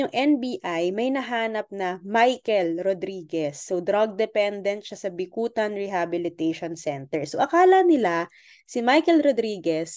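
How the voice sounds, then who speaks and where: Woman breaking down a court ruling, chatty, keeps asking okay?, mid pitch, dry. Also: warm tone, dry recording. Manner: conversational, checks in with "okay?", mixes English. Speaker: law explainer. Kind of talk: casual legal lecture.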